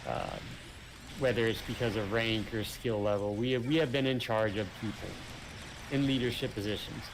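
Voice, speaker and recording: During relaxed gameplay chat, a co-op gaming partner lays out his reasoning with careful hedges. He speaks at a moderate pace in a fairly low, fairly even voice, over clearly noticeable background noise.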